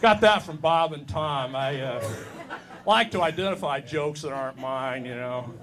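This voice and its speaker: A man's voice: fairly high pitch, unhurried, over music. Fifties man doing dry stand-up one-liners. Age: 50s. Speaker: stand-up comedian. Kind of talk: stand-up set.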